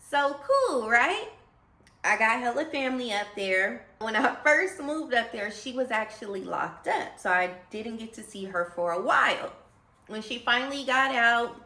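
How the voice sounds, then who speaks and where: Chatty young woman with a bright, echoey voice. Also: on the high side. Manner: chatty, addresses viewers as y'all. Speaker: storyteller vlogger. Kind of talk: casual storytime vlog.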